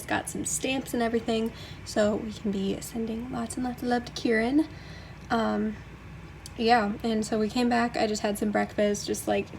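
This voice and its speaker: A vlogger in her twenties tells a story to her camera in a casual, chatty style, full of fillers like "like" and "um". Her voice is on the high side. Recorded on a camera mic at a distance, the audio has roomy echo and a little hiss or hum.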